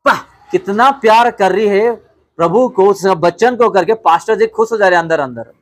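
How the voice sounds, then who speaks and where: A man's voice: sits high, moderate pace. A man preaching a sermon as pastor, asking the congregation rhetorical questions and telling stories. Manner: rhetorical questions, repeated calls of hallelujah; storytelling, addressing the congregation directly.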